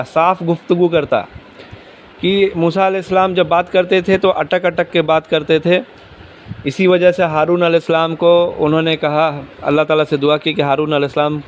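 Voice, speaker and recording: Guy giving a quran lesson, a bit high voice, repeats stuff, asks questions, faint traffic behind. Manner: explains slowly, repeating key words and asking questions. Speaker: religious teacher.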